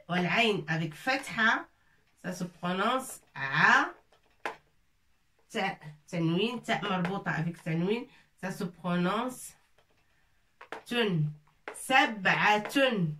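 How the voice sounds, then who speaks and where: A woman teaching with slow, unhurried patience, going over each word again and again syllable by syllable. Her voice sits a little back from the microphone. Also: mid-range voice, sharp tone, far from the mic, slight background noise. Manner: patient, repeats words syllable by syllable. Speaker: Arabic teacher. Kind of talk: slow spelled-out language lesson.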